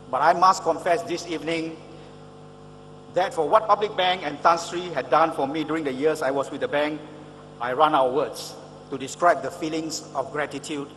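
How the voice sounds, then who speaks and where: A middle-aged man with a high, bright voice delivers an energetic speech on stage. His words carry the long ring of a big hall behind him, with a faint hum underneath. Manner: energetic, emphatic, rhetorical questions. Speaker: motivational speaker and consultant. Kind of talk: public speech.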